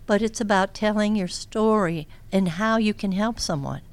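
A very old woman speaking as an interview guest, telling reflective anecdotes in a measured way. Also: medium pitch, clean tone. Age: elderly. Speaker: interview guest, career coach.

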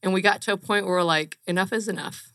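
A woman's voice: mid-range voice, quick pace, fairly bright tone, no room sound, studio quality. A woman from Romania, a company co-founder, speaking earnestly and emphatically as an interview guest. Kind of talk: casual interview chat.

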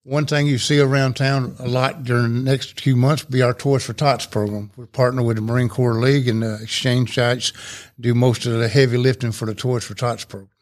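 A man's voice: medium pitch, little pitch movement, fairly quick. Chatty older man. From Rome, Georgia, USA. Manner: talkative, folksy, rambling explanations. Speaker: civic club president, guest. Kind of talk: casual interview chat.

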